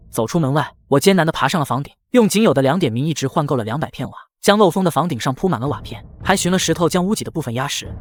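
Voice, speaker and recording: A man reading a first-person web-novel story as scripted narration, in a rapid, even storytelling delivery. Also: a little high, dry recording, clean studio sound.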